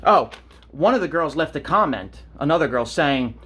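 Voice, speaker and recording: A man's voice: fairly high pitch, lively intonation, moderate pace, a bit bright, slightly rough. A man ranting on a vlog, blunt and profane, telling stories and asking rhetorical questions. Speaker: vlogger.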